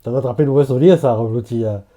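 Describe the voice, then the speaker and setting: A man talking through a live anime reaction in a loose, rambling way, full of fillers and restarts. His voice is mellow and soft-edged, sitting at an ordinary middle pitch. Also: very fast. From French-speaking. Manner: chatty, laughs often, many fillers.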